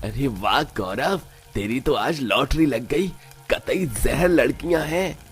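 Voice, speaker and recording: A man's voice: medium pitch, expressive, slow pace, faint music behind. A man voice acting a worried father in a cartoon story, earnest and anxious.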